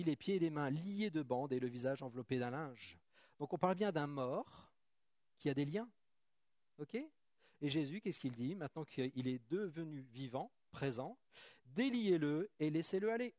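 Male preacher, slightly high voice, dry sound; reads scripture, then chatty asides to the congregation. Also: normal speed, a little mellow, no room sound. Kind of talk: sermon with Bible reading. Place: church.

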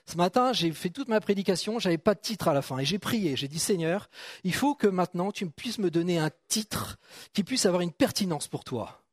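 Pastor guy preaching, jokey and chatty, kinda high voice, dry close sound. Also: expressive, normal speed, dry recording. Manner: joking, chatty preaching with many restarts. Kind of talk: sermon.

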